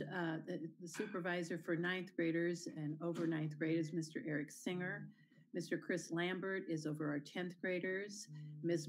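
Woman principal hosting a video town hall. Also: low voice. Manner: informal, with fillers and restarts. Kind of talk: presenting to families over video.

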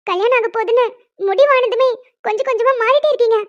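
A woman voicing a young woman in an animated cartoon, a fretful bride-to-be who sulks and picks mock quarrels with her fiancé. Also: very high voice, quick pace, dull audio. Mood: sulky.

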